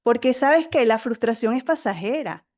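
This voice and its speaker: A middle-aged woman with a fairly high voice, a native Spanish speaker and a talkative storyteller. She talks as an author being interviewed on a podcast, warm with anecdotes and lively. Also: moderate pace. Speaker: guest author.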